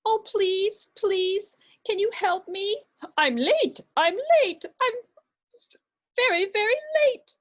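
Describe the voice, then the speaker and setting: A woman's voice: expressive, fairly bright tone, heavily acted. A woman voicing a frantic male rabbit who is always late, in a puppet show. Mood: pleading. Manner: fretful, squeaky and rushed.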